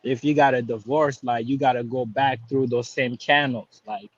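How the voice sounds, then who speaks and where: He's a caller in his thirties, Haitian-born and Florida-raised, chatting on a live stream with a hesitant, slangy ease, full of fillers and false starts. He speaks at normal speed in a medium-pitched, steady voice. The audio has its highs cut off.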